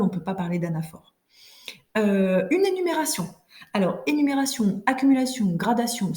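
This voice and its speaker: A woman's voice: mid-range voice, dark tone. A woman teacher giving a recorded lesson, explaining step by step and checking in with her pupils. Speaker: French teacher.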